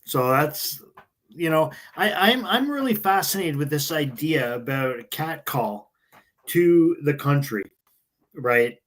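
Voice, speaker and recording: Man, podcast co-host, halting casual talk, lots of fillers, slightly higher voice. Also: animated. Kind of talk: casual political chat.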